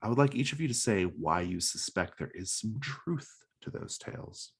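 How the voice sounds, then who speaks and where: A man's voice: fairly low pitch, lively intonation, moderate pace, husky. A man narrating a tabletop role-playing game as game master and putting questions to the players.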